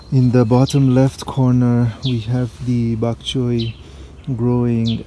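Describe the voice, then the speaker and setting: A man giving a casual narrated tour of his home garden, explaining plants in a relaxed way with frequent ums, recorded outdoors on a handheld phone. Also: medium pitch, slight background noise.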